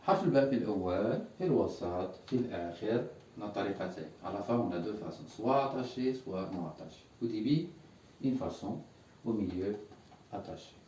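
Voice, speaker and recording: The Arabic teacher's fairly low, mellow voice has lively intonation and a quick pace as he patiently repeats words at the whiteboard for learners to echo. There's a little hiss or hum, and he sounds far off in an echoey room.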